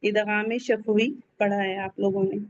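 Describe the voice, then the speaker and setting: A woman teaching Quran in an online lesson, explaining slowly and drawing out recited letters. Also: mid-range voice, level tone. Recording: dull lo-fi audio.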